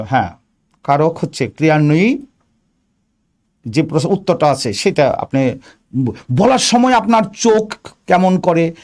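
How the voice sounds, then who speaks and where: A man's voice: fairly high pitch, a little mellow. A man coaching students for an oral exam, repeating key points and speaking straight to the listener. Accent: Bangladeshi Bengali. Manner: repetitive, emphatic, addresses the listener directly. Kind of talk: spoken lesson on viva preparation.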